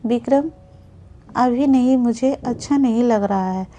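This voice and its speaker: A woman voicing a timid young newlywed bride who is fearful and pleads softly, in a spoken storybook. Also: a little high, measured pace, lightly acted. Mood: pleading.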